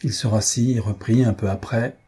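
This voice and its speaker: A man reading a historical tale aloud as an audiobook narrator, in measured, even storytelling. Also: fairly low pitch, husky, soft background music. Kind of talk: scripted narration.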